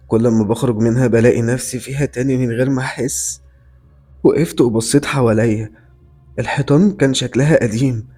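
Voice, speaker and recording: A man tells a first-person horror story with dramatic tension. His voice is dark and mellow, with a husky edge, and faint music plays under it. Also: medium pitch. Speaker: voice actor narrator.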